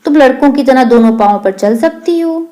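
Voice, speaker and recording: A woman's voice: high voice, expressive, brisk, dark tone. A woman voicing a timid young boy companion who talks in a nervous, teasing way in a storybook tale. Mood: chatty.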